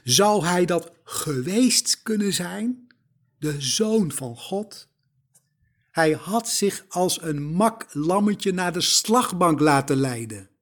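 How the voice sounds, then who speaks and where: A man preaching a sermon, slow and emphatic, putting rhetorical questions straight to the listener. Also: high voice, lively intonation.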